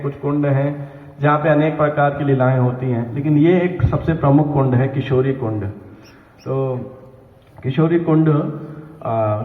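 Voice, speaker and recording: A man guiding pilgrims, telling a devotional story in a lecture style, often asking his listeners "right?" as he goes. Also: medium pitch. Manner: narrates devotional stories with quoted dialogue, frequent "है ना?". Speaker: pilgrimage guide. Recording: echoey hall over a tinny phone-like line.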